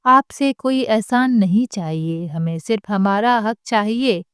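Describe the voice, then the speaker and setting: A woman's voice: mid-range voice, a little slow, smooth, no room sound, clean studio sound, lightly acted. A woman voicing a bitter young daughter-in-law who talks in an angry, scornful way. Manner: shouting, scornful.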